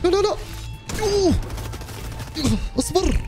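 A man giving excited commentary on his gameplay, laughing and yelling at the game as he plays. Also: very high-pitched, measured pace, music in the background. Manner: animated, laughing, shouting at the game. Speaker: gaming YouTuber.

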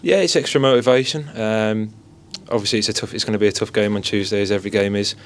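Young male goalkeeper, deep-ish voice, humble press-pen answers into handheld mics. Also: steady tone, fast talker, slight background noise. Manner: modest, repeats stock phrases. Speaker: football goalkeeper. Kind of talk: post-match interview. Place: indoor press area by sponsor board. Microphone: several handheld mics and phones held close.

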